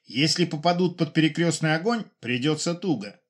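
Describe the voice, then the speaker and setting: A man's voice: on the high side, moderate pace, voice pushed up, close to an everyday voice. A man voicing a naval officer who adds dry, matter-of-fact remarks. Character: knowledgeable male naval officer.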